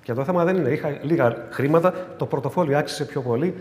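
An older man preaching a sermon with emphasis, swinging between loud urging and quiet, intimate asides. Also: fairly high pitch, reverberant, in a large hall.

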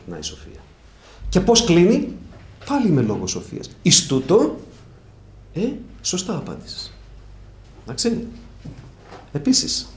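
A man's voice: medium pitch, slight background noise. A man preaching a sermon, dictating points for listeners to write down and repeating key phrases with strong emphasis. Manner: addresses brothers, lively rises and drops. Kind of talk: sermon teaching. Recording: echoey room with faint ambience.

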